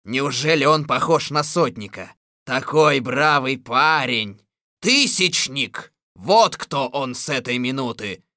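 Guy playing a booming bossy immortal sorcerer, barks orders slow and loud, storybook villain. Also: expressive, no room sound, clean studio sound. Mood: commanding. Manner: loud, imperious, booming commands. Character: gleeful domineering immortal sorcerer king, male. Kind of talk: storybook reading.

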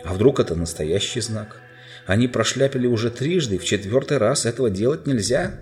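A man narrating a children's fantasy story in a measured storytelling manner. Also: mid-range voice, lively intonation, faint music behind. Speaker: audiobook narrator. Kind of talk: scripted narration.

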